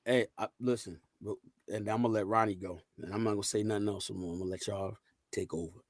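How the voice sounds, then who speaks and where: A man hosting a casual faith discussion on a video call, voice rising high and loud when he encourages listeners. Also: fast talker, no room sound, studio quality. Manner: lively, preacherly rises when encouraging. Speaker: host of a faith talk stream.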